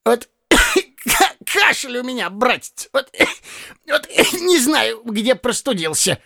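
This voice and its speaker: A man's voice: extremely high pitch, sing-song, unhurried, a bit bright, no echo, clean studio sound, voice pushed up, full character voice. Man playing a fussy, rambling old man. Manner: stammering, self-correcting, cackling. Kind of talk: audiobook character reading.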